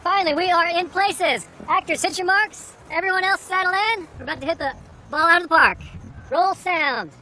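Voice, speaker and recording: An actor playing an eager film director who calls out brisk commands on set. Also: male voice, very high-pitched, pushed and bright, heavily acted, rough recording. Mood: rallying. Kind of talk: film comedy acting.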